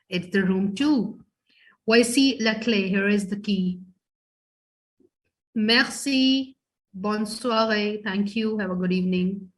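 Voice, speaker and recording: A woman teaching French over a video call, explaining each phrase in English and quizzing her students. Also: medium pitch. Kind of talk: online class teaching.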